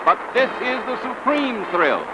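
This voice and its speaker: A man's voice: extremely high pitch, very animated, measured pace, poor audio. A man narrating an old newsreel in a grand, declamatory manner. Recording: old newsreel soundtrack with loud music.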